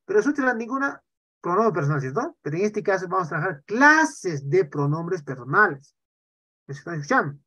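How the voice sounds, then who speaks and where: Animated male language teacher. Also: sits high, brisk, slightly rough, no echo. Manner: animated, tags sentences with "¿ya?" and "¿no?". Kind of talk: live online class. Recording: dull lo-fi online class audio.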